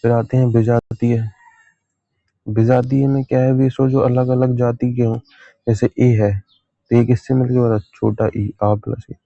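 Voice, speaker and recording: A man's voice: medium pitch, little pitch movement, measured pace, creaky, dark tone, dry recording, lo-fi sound. A man teaching a grammar lesson for exam preparation, repeating key points as questions to his students.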